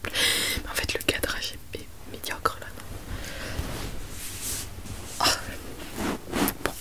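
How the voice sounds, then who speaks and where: A woman presents books in a hushed ASMR library whisper, chatty and rambling with self-mocking asides. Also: slow. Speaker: ASMR video creator.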